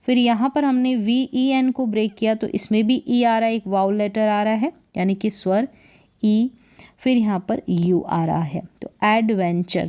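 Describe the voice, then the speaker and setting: Slow, mellow-voiced Hindi-accented woman teaching. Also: mid-range voice. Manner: breaks words into syllables, repeats each sound and asks rhetorical questions. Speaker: English reading teacher. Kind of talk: spelling and pronunciation lesson.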